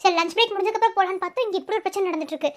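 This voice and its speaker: A woman voicing an anxious female college student hushing her friend. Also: extremely high pitch, rapid-fire. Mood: worried.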